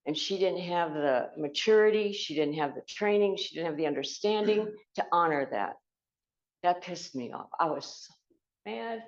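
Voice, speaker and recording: An older woman from the United States telling a personal story in an earnest, halting way, with many fillers and restarts. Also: on the low side, expressive. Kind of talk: reflective spoken storytelling. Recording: echoey, slightly dull room recording.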